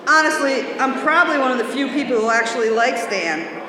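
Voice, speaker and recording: A woman's voice: sits high, lively intonation, fairly quick, crowd noise. A woman emceeing a roast, teasing the roasters as she introduces them. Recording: very echoey hall with audience.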